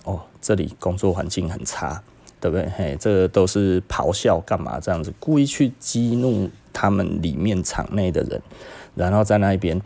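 Low gravelly Taiwanese-accented man chatting. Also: normal speed. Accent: Taiwanese Mandarin. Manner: animated, chuckling, frequent tag questions. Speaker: podcast host. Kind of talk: casual storytelling chat.

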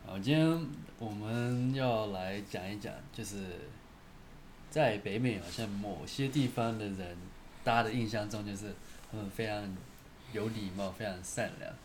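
A young adult man, co-hosting a casual chat and speaking in a measured way with many fillers. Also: on the low side. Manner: measured, hesitant, frequent fillers. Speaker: co-host. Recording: faint background hiss.

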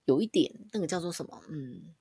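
Husky, animated woman telling a story. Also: low-pitched, fairly quick, no echo, studio quality. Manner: animated, swears casually, quotes herself in dialogue. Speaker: podcast co-host. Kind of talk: casual storytelling chat.

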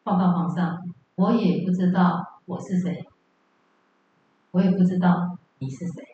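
Calm fearless monk, as a woman teacher voices him. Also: lowish voice, measured pace, a little hiss or hum, natural voice. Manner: plain, calm replies. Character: calm fearless old monk answering plainly. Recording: dull, echoey, from far off.

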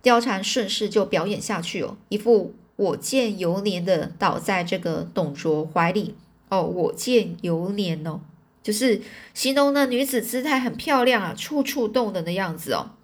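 A woman's voice: medium pitch, normal speed. A woman narrating a classic story in a chatty way. She stretches out her particles and stops to explain old words.

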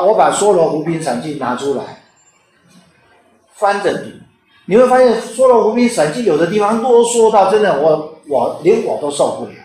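A man's voice: high voice, darkish tone. A man who is an author and teacher, giving an informal lecture in a conversational way and often checking in with the listeners. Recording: very echoey room.

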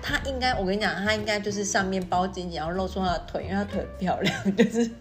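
A woman's voice: medium pitch, very fast. A woman with a Taiwanese accent in casual, teasing banter as a co-host, giggly as she talks. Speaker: podcast co-host. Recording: music behind the voice.

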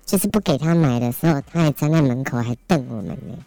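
A woman's voice: very deep voice, lively intonation, fast talker, over loud music. A woman guest on a podcast, telling plain stories about difficult customers. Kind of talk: casual anecdote.

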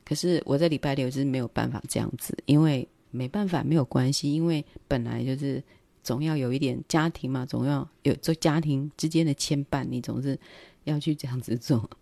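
Low-voiced Taiwanese woman telling family stories. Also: a little fast, vocal fry, dark tone, dry recording. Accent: Taiwanese Mandarin. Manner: chatty, acts out her parents' words. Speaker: livestream host. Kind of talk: casual storytelling.

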